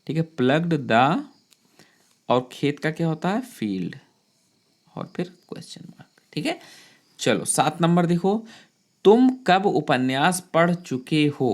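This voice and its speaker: A grammar teacher explaining sentence translation step by step in a patient, explanatory manner. Spells out English words letter by letter and dictates whole sentences slowly to the students. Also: medium pitch, sing-song. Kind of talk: classroom-style grammar lesson, explaining step by step.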